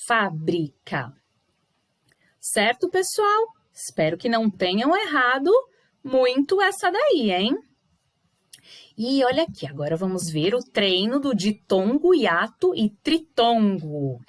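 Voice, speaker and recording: A woman teacher from Brazil giving a recorded lesson to primary pupils, encouraging them and sounding out words slowly, repeating each one. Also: a little high, big pitch swings, dry recording. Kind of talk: recorded remote lesson correcting exercises.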